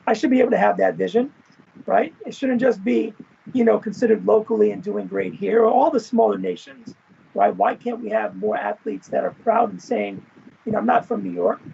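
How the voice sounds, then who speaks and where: A man's voice: sits high, brisk, creaky, warm tone, breathy edge. A man speaking as an interview guest in a casual, expansive way, often tagging his points with "right?" and "you know", heard over a muffled video call. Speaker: guest, former event manager and professor.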